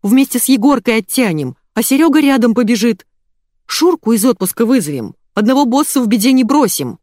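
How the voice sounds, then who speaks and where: A woman voicing a fawning male employee flattering his boss. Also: a little high, a little fast, no room sound, clean studio sound, voice pushed up, natural voice. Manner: fawning, ingratiating.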